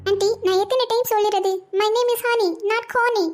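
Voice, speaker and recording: A woman voicing a sulky, sharp-tongued young wife in a cartoon, with a whiny, sassy delivery. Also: extremely high pitch, steady tone, measured pace. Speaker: cartoon voice artist. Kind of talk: cartoon voice acting.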